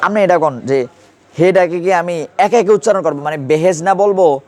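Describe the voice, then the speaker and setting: A man's voice: sits high, brisk, darkish tone. A man teaching a classroom grammar lesson, quizzing students and repeating key terms.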